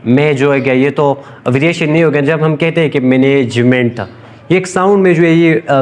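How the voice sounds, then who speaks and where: A man giving an informal recorded English grammar lesson, hesitant, with many fillers and restarts, slowing down to dictate English sentences. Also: on the high side.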